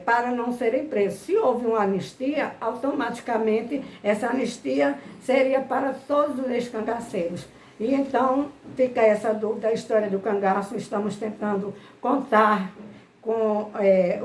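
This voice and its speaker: A woman with a Brazilian Portuguese accent talks through history at an unhurried pace. Her voice sits a little high, and she often hesitates with fillers and restarts. The room gives her voice a noticeable echo. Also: darkish tone. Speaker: history commentator. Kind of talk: spoken history talk.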